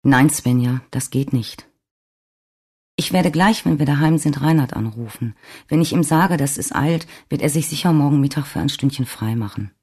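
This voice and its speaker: A man's voice: mid-range voice, normal speed, a little mellow, husky. A reader voicing a firm middle-aged father.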